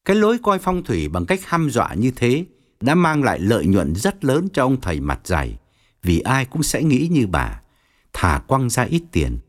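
Expressive male storyteller. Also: mid-range voice. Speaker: narrator. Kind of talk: audiobook storytelling.

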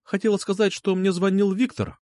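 A man's voice: high-pitched, fairly quick, no echo, studio quality, voice pushed up, close to an everyday voice. A man reading an audiobook, voicing a playful, teasing young woman in a raised, light voice. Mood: earnest. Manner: teasing, lively. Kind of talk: audiobook character voice.

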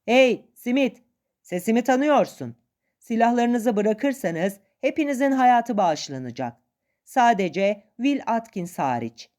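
A woman's voice: fairly high pitch, big pitch swings, takes it slowly, a little mellow, pitched above the performer's own voice. A woman voicing a stern ship captain who gives orders to mutineers.

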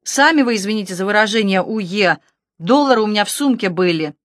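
A woman voicing a haughty, sharp-tongued rich woman who talks down to the police, with cutting sarcasm. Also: medium pitch, expressive, fast, no room sound, clean studio sound, natural voice. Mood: imperious, sarcastic. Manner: sarcastic, imperious.

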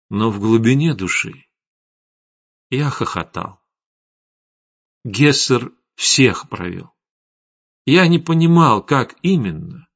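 A man narrating a fantasy novel in a measured, expressive way. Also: mid-range voice. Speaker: audiobook narrator. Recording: slightly dull lo-fi audio, faint music.

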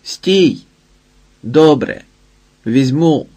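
A man's voice: on the high side, lively intonation, very slow, mellow, slightly rough, exaggerated voice. A man voicing a sly, greedy older male smuggler who haggles and asks predatory questions, in an audiobook. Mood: eager.

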